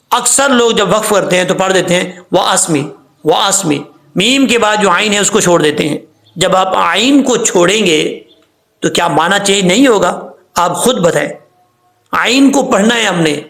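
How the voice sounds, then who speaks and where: A man teaches Quran pronunciation in a high, gravelly voice. He explains each rule and then chants the words slowly to model them. The recording has a roomy echo. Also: a bit bright.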